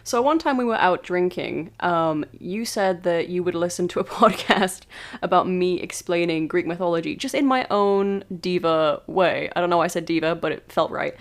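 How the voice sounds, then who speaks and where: A woman's voice: on the low side, moderate pace. A woman casually retelling an old myth as a birthday podcast, rambling with giggly asides. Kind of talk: casual storytelling monologue.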